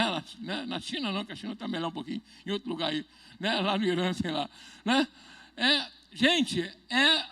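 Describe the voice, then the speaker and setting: A man's voice: high voice, vocal fry, a bit bright. A man preaching a midweek church sermon as pastor, talking conversationally, joking and constantly checking the congregation with questions. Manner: jokes and chuckles between points.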